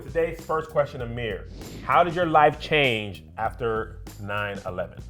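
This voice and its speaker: A young man hosting a casual panel show, playful and quick with jokey asides. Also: mid-range voice, a bit bright, faint music behind. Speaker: show host.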